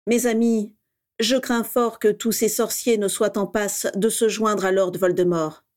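A woman voicing a calm, wise elderly male headmaster in a read-aloud story. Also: medium pitch, close to an everyday voice. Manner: peaceful, measured.

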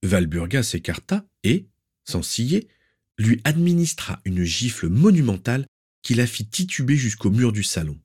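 A man reading a dramatic story aloud in measured storytelling. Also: medium pitch, very animated, darkish tone, slightly rough. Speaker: audiobook reader.

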